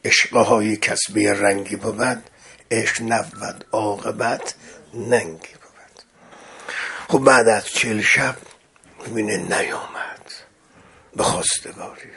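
Male preacher, gravelly rasp, husky tone, storytelling sermon with dramatic loud and soft swings. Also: fairly low pitch, fairly even intonation, pauses often. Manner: dramatic swings of loudness, acts out quoted dialogue.

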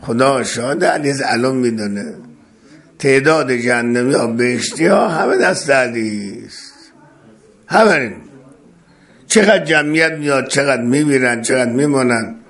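A man's voice: medium pitch, a bit bright. A man preaching a religious sermon in an emphatic, declamatory way, reciting Arabic phrases and then explaining them, repeating words for stress.

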